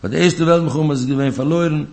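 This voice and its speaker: A man giving a spoken religious lesson, emphatic, repeating his key words as his pitch rises and drops sharply. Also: racing, a little mellow. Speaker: religious teacher. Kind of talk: spoken Torah talk.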